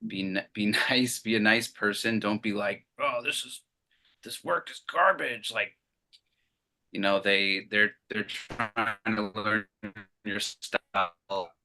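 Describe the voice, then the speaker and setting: A man's voice: fairly low pitch, takes it slowly, poor audio. A man on a video call whose audio keeps cutting out, speaking casually on an animation panel with lots of fillers. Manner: relaxed, filler-heavy, rambling. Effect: choppy video-call audio cutting out at phrase ends.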